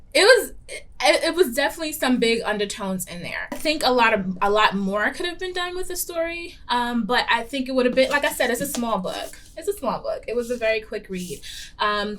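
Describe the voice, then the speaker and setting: A young woman talks through a book review in a loose, chatty way, filling pauses with ums and throwing in a casual curse now and then. Her voice sits at an ordinary middle pitch. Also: fairly bright tone. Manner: chatty, candid, frequent ums, playful swearing. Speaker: book reviewer and show host.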